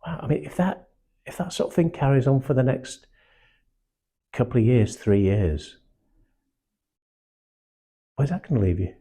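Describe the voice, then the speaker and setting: An older man with a hard-to-place English accent and a husky, mellow voice, running a sales training session for a small room. He talks bluntly and animatedly, swears casually and acts out little quotes. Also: medium pitch, very animated, measured pace, long pauses. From Manchester, England. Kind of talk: live training talk to a small group.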